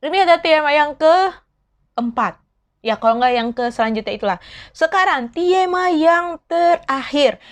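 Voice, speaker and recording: A woman's voice: high voice, animated, unhurried. A woman teaching a casual online language lesson into her own microphone, chatty and explaining with examples. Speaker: Korean language tutor.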